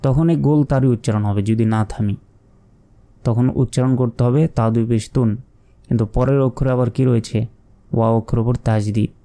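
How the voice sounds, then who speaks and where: A man with a mellow, mid-range voice teaches Quran reading, spelling out each word letter by letter along with its vowel marks. He recites slowly and patiently explains the rules one step at a time.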